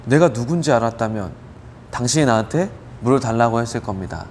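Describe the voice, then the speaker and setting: A man voicing Jesus in a retold Bible story, making calm, solemn pronouncements. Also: medium pitch, a little fast, slight background noise, lightly acted. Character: calm, authoritative Jesus speaking to a woman.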